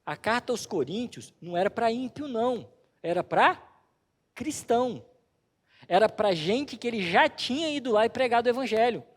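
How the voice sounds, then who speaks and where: High-pitched male pastor, emphatic sermon in a reverberant church. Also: lively intonation, moderate pace. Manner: storytelling, emphatic.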